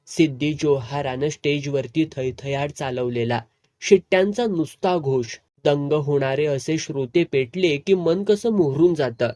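A man reading a serialized novel aloud with vivid, expressive storytelling. His voice sits fairly high for a man, and the recording is close and dry. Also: a little slow, dry recording. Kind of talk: dramatic audiobook narration.

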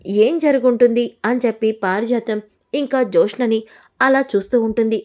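A woman's voice: fairly high pitch, normal speed, darkish tone. A woman retelling a TV serial episode as a story, reading the characters' lines dramatically. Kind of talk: storytelling recap with voiced quotes.

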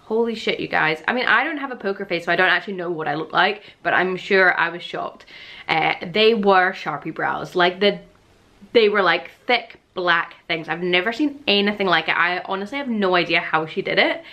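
A woman's voice: on the low side, normal speed, bright, forceful tone. Chatty woman vlogging at home. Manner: chatty storytelling, laughing often. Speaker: lifestyle vlogger. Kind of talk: casual vlog chat to camera.

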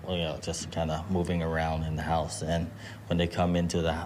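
A man with a very deep voice answers a reporter's questions on location. He speaks casually and hesitantly, padding his answers with fillers. Faint ambient noise sits behind him. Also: monotone, fairly quick, a little mellow. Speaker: haunted attraction organizer. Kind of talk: on-location interview. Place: outdoor plantation village house.

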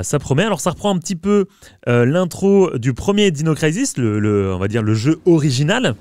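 A man's voice: fairly high pitch, darkish tone. Casual male gamer commentating over game music. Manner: hesitant, many filler sounds. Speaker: let's play gamer.

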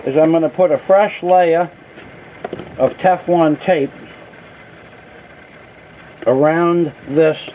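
A man's voice: on the high side, slow pace, pauses often. A man patiently explaining a machine repair outdoors, step by step, recorded on a camera mic. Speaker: mechanic demonstrating a repair. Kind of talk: casual how-to instruction. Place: outdoors beside heavy machinery. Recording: phone-like, faint outdoor noise.

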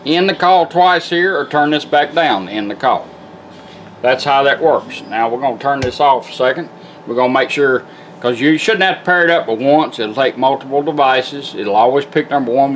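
A middle-aged man, a vintage car radio restorer, gives an informal, plain-spoken hands-on demonstration of a product at an indoor workshop bench. He speaks at a medium pitch and moderate pace, with a little hiss or hum and guitar music from the radio at times.

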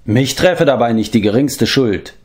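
A man's voice: mid-range voice, animated, a little slow, voice pushed up, lightly acted. A man voicing a clever, sly young princess who speaks in an arch, teasing way. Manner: arch, teasing, matter-of-fact.

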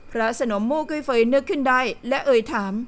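Woman narrating an audiobook, slightly high. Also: fast talker. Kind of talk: scripted narration.

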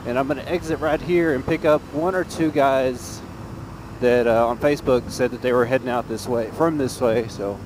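Riding a motorcycle on a highway outdoors, a man narrates a casual motovlog from inside his helmet in a medium-pitched voice. The helmet mic is noisy, picking up clear road and vehicle noise.

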